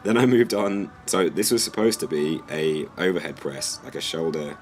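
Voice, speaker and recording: A young fitness vlogger narrates his gym workout casually, explaining things in a relaxed, slightly rambling way with a hoarse voice that fades out. The voice rumbles low at a normal pace, with soft music playing in the background.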